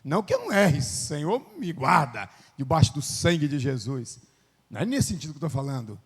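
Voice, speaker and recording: A male pastor with a Brazilian Portuguese accent, preaching a sermon. He swings between quiet asides and shouted passages, and has the congregation repeat phrases after him. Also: fairly high pitch, very animated, brisk, slightly rough. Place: church hall. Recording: long reverb of a church hall.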